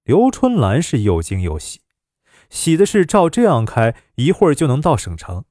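A man telling a story aloud with a lively, widely swinging voice that rises and falls through the tense scenes. His pitch sits in an ordinary middle range, and the recording is dry and close with no room sound. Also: moderate pace, no echo. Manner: expressive, dramatic storytelling. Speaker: narrator. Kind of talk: story narration.

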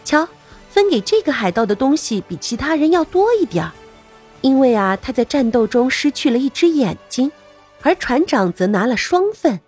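A woman narrating a scripted story for children as host, expressive and playful, speaking directly to young listeners. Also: sits high, normal speed, husky, faint music behind.

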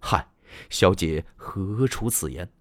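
A man's voice: sits low, slow pace, dry recording. A male storyteller voicing a lovestruck, anxious young warrior general who talks in earnest, fretful exclamations.

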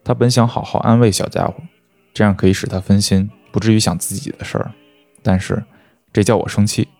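A man reading a short story aloud as host, in calm, even narration. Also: on the low side, fairly quick, no echo, soft background music. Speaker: host and reader.

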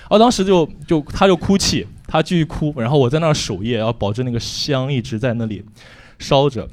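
A man's voice: mid-range voice, a little fast, darkish tone. A young man from Shanxi doing a frank, rambling, self-mocking stand-up set with lots of fillers. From Shanxi, China. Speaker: stand-up comedian.

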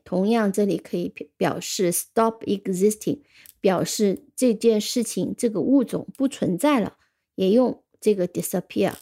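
A woman teaching English vocabulary in a radio lesson, reading example sentences slowly and then explaining them in a relaxed, chatty way. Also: mid-range voice, creaky. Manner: ends phrases with the filler "啊".

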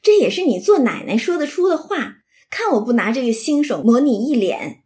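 A bold young maid with a saucy tongue, quick to scold and tease back, as a woman narrator reads her. The voice is pitched a touch high and sounds lively and cheeky, like a character in a storybook reading.

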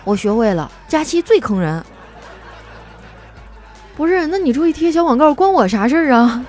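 Playful woman host with lively pitch. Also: normal speed, soft background music. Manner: playful, teasing, self-mocking asides. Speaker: radio-style host reading listener jokes. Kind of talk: comedic joke reading and banter.

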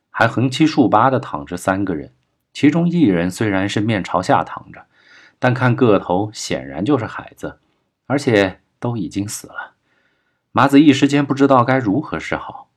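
A man narrating a crime novel as an audiobook, reading in a steady, measured way. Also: on the low side, breathy edge.

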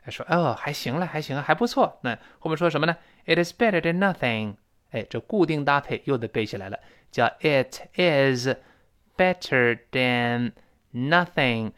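A man teaching an audio English lesson. He explains pronunciation step by step, slows right down to drill sample phrases, and acts out both sides of a short dialogue. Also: fairly high pitch, expressive, fairly bright tone. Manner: explains slowly, drawls sample phrases to show linking sounds.

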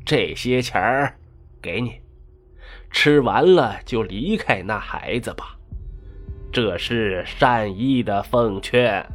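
A man voicing an old village wise woman who drives out ghosts, speaking in a slow, measured, admonishing way. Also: fairly low pitch, lively intonation, faint music behind. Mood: stern. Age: older. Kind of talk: storytelling with character voices.

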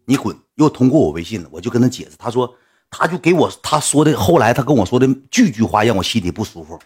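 A man's voice: mid-range voice, very animated, fast talker, a little mellow, slightly rough, soft background music. A young man with a Northeastern Mandarin accent, casually telling a story to his fans, rambling and repeating himself with many restarts. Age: young adult. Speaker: livestream host.

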